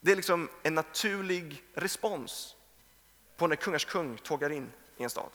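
A man's voice: a little high, animated, fairly bright tone. A man in his thirties, a pastor, preaching a conversational sermon and acting out the voices in his stories. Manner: conversational storytelling, acts out quoted voices. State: tired from little sleep. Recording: long reverb from a hall.

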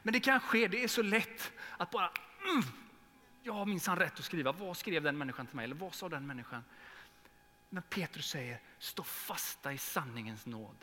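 A man preaching earnestly to his congregation as pastor, then leading a prayer. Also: sits high. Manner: earnest, with emotional swells and soft prayerful drops. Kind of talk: sermon with prayer. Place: church hall. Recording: long reverb in a church hall, faint hum.

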